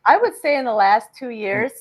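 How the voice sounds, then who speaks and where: A woman's voice: a little high, expressive, normal speed, low-quality recording. A woman hosting a panel discussion who explains things at length, with frequent fillers. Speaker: podcast host and regression facilitator.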